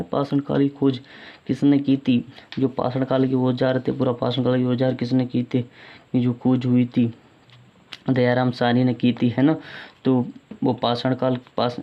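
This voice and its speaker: A man teaching a casual spelling lesson for exam prep, repeating each point and quizzing his viewers. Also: mid-range voice. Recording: dull lo-fi sound.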